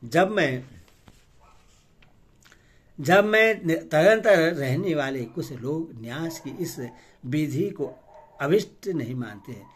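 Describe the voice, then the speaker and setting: A man reading devotional scripture aloud and intoning ritual mantras in a measured way, with frequent hesitant fillers between phrases. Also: fairly high pitch, lively intonation, breathy edge. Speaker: scripture reader.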